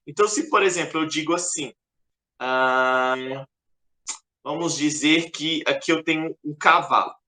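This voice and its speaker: Brief: man, chess teacher, crisp bright tone, echoey room, patient and repetitive. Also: a little high, measured pace. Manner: patient, repetitive, keeps pointing things out. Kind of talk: explaining a lesson over a board.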